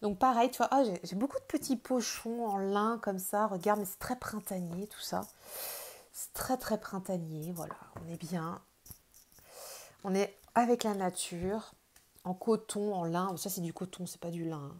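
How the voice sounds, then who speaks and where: A woman's voice: medium pitch, normal speed, darkish tone. A woman with a French accent casually showing her tarot decks, chatty and hesitant, with many fillers and restarts. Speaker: tarot video host.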